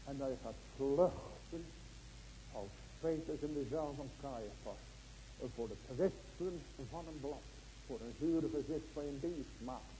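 A man preaching a sermon, asking emphatic rhetorical questions and swinging from loud, urgent lines to hushed ones. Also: medium pitch, slight background noise, rough recording.

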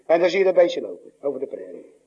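A male preacher delivering a sermon, swinging between loud exclamations and hushed low asides, with a husky voice. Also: big pitch swings, fast. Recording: dull lo-fi recording.

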